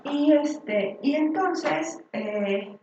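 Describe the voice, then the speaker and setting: A woman teacher giving a classroom lecture, explaining step by step and often pausing on filler words. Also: high-pitched, expressive, recorded from a distance, noisy background. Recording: echoey dull room recording from afar.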